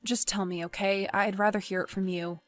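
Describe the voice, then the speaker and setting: A woman voicing a gentle, principled young male teacher in an animated story, speaking softly and earnestly. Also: mid-range voice, fairly quick, close to an everyday voice. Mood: hurt. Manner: soft, subdued, earnest.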